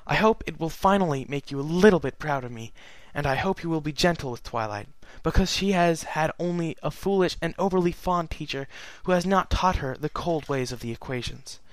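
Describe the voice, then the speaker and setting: A regal immortal pony princess, sorrowful and solemn, put on by a male reader. Her voice sits noticeably above his usual register and stays earnest and measured. The sound is dry and close. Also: on the high side, lively intonation, no room sound, voice pushed up, close to an everyday voice. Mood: solemn, wistful. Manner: solemn, earnest letter-reading. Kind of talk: fan fiction reading.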